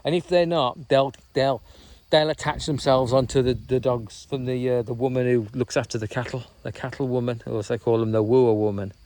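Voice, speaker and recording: A man's voice: medium pitch, steady tone, brisk, a little mellow. A man chatting in a rambling, casual way on a walking vlog outdoors by a reservoir. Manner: rambling, chatty, full of "you know what I mean". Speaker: vlogger.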